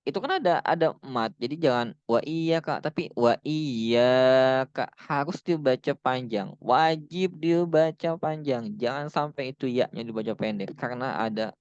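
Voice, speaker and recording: A man giving a casual lesson on Quran recitation rules, chatting with his viewers and drawing out the example words slowly. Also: medium pitch, animated, no room sound, muffled recording. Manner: chatty, drawn-out demonstration recitations. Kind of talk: casual online tajwid lesson.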